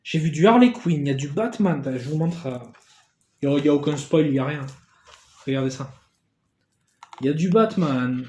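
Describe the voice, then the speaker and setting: A man in a casual unboxing vlog who gets excitable, swears casually and thanks the sender again and again. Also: on the high side, brisk, pauses often, reverberant, a little hiss or hum. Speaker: YouTuber opening a gift parcel.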